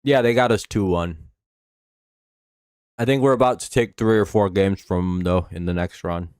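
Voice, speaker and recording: Low and darkish but clean, this American man's voice moves at a normal speed, captured in clean studio sound with no echo. He calls a live sports stream like a relaxed fan, rambling and cursing through casual play-by-play and chat, his false teeth giving him a slight lisp and a whistling s.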